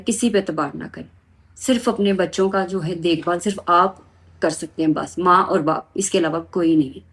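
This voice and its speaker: A woman's voice: on the low side, darkish tone, husky. A woman, telling a victim's account and appealing urgently to viewers. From Pakistan. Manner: emotional, urgent, indignant. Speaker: activist relaying a victim's account.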